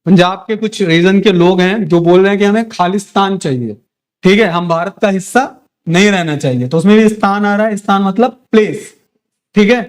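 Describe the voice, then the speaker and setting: High-voiced male teacher. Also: normal speed. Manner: asks the class questions and answers them, checks in with "ठीक है". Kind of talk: classroom lecture.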